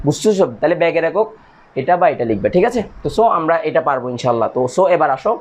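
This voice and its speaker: A man, middle-aged, teaching a chemistry lesson at a board. He talks quickly in a slightly raised voice, circling back over each point and putting questions to his students. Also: on the high side, big pitch swings, darkish tone. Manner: repetitive, coaxing, asks students questions. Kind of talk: lecture explaining units at a board.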